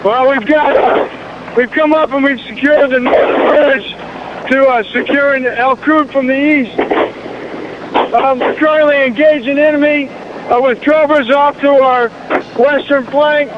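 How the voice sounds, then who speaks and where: High-pitched American Marine, noisy field line. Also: male voice, fairly even intonation, measured pace. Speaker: US Marine in combat. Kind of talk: terse battlefield report. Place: outdoors in a battle zone. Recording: muffled field line with loud noise.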